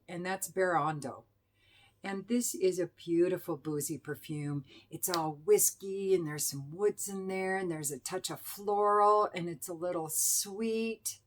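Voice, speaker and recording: Middle-aged woman, slightly low voice, casual enthusiastic review host. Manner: chatty, enthusiastic, with fillers and self-corrections. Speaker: perfume reviewer.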